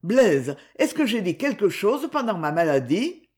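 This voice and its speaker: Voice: mid-range voice, big pitch swings, measured pace, darkish tone, pitched above the performer's own voice. A reader voicing a sick, remorseful young boy in an audiobook, anxious and pleading. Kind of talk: audiobook character reading.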